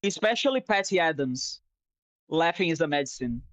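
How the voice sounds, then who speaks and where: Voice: mid-range voice, animated, moderate pace, no echo. A streamer chatting casually while drawing, rambling and swearing, openly sentimental, on a headset mic.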